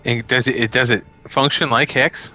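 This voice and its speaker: Guy player at a game table, sharp bright voice, sweary joking banter, faint music. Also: medium pitch, fairly even intonation, normal speed, poor audio.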